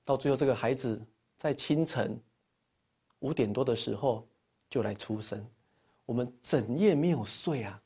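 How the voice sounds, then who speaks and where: A man preaching a sermon as pastor, telling stories with emphatic peaks and soft, dropping phrase endings. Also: normal speed, slightly rough. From Taiwan. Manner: animated storytelling, swinging between emphatic highs and soft low phrase endings.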